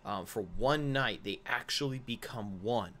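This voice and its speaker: A man's voice: medium pitch, unhurried, fairly bright tone. A young American man in his twenties hosting a casual explainer, rambling with frequent fillers and restarts. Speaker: host.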